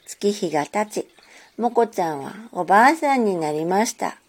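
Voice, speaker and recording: A woman narrating a children's story in a gentle, measured storytelling manner. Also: medium pitch, animated, slightly rough.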